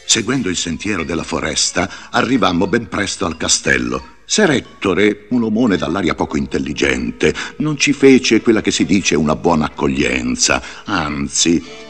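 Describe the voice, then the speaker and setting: A wise old wizard with a low, rumbling voice. He tells his storybook tale with big, swooping pitch and theatrical flair. Faint music plays softly behind him. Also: very animated, normal speed, slightly rough, heavily acted. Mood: storytelling. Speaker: storybook narrator in character. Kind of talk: read-along storybook narration.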